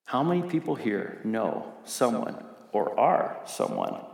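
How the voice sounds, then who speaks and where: A man's voice: fairly low pitch, wildly swooping pitch, unhurried, vocal fry, darkish tone. A middle-aged man preaching a sermon as pastor, talking conversationally and putting questions to the congregation. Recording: echoey hall with long reverb.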